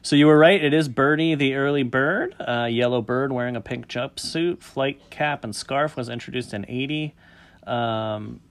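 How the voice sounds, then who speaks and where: A man hosting a loose podcast conversation reads down a list one entry at a time. He breaks it up with quick jokes and offhand comments. His voice sits in an ordinary middle pitch. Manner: reads entries aloud with quick joking asides. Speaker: podcast host. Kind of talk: casual podcast chat.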